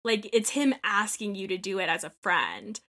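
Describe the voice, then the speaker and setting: A woman chatting casually about a video game, animated, swearing freely and acting out bits of dialogue. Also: medium pitch, moderate pace.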